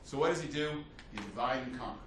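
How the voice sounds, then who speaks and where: A man lectures on history without a script, spinning it as a narrative with many fillers and restarts. He's a fast talker with a medium-pitched, fairly bright voice. Captured by a far-off mic in an echoey room, the audio carries a slight hiss or hum.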